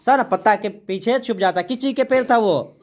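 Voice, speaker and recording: A woman teaching a class, reading a poem slowly line by line, then explaining each line and quizzing the students with quick questions she answers herself. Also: on the high side, a little mellow. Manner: slows down to recite verse lines.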